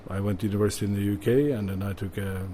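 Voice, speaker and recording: A man's voice: lowish voice, steady tone, racing, dark tone, slight background noise. A man in his sixties from Norway, a bodega owner answering interview questions with many fillers and restarts.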